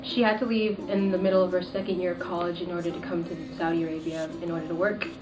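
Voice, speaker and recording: A woman's voice: fairly low pitch, flat delivery, quick pace. A woman speaking plainly and conversationally in an interview. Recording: echoey room, mic far off.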